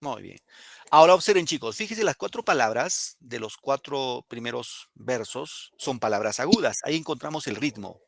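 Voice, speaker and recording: A man's voice: medium pitch, lively intonation, normal speed, gravelly, hardly any pauses, fairly bright tone, no room sound. A male teacher with a Peruvian Spanish accent explaining a poem and questioning his students in a classroom lesson. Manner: explains and questions students, reads poems aloud.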